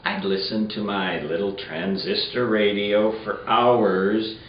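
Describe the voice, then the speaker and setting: A man's voice: on the low side, steady tone, slow, a little hiss or hum. Nostalgic man from Minnesota. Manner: nostalgic, playful. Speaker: volunteer usher. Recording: roomy, dull lo-fi recording.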